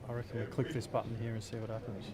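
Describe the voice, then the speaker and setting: A man commentates a pool match in a flat, even tone, chatty and joking, tripping over his words. A loud crowd roars around him in the venue. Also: fairly low pitch, racing. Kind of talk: live sports commentary.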